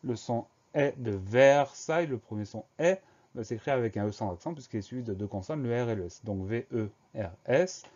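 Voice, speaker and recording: Here a young man with a mid-pitched voice dictates a spelling lesson slowly and carefully, going letter by letter through each word. He sounds expressive and a little mellow, though the recording is rather dull and lo-fi.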